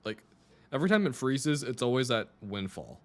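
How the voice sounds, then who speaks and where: A young man talks his way through a game stream at his desk mic, loose and chatty, often restarting his sentences. His pitch sits right in the middle for a man. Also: very animated, moderate pace. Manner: chatty, rambling, with many restarts and laughs. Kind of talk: casual live-stream chat while gaming.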